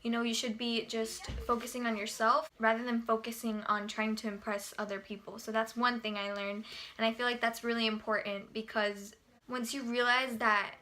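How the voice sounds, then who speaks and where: A young woman talks straight to her camera in a relaxed vlog, earnest and full of filler words. Her voice sits a little high and rings bright and forward. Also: moderate pace. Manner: earnest, chatty, heavy use of fillers like "you know" and "like". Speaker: vlogger. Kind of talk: casual talking-to-camera vlog.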